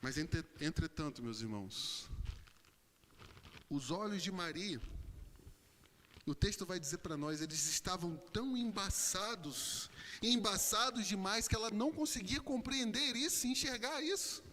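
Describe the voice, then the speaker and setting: A man with a Brazilian Portuguese accent preaching a sermon in church, swelling loud on emphatic phrases and dropping low and soft on others. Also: lively intonation, measured pace. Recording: long reverb of a church hall.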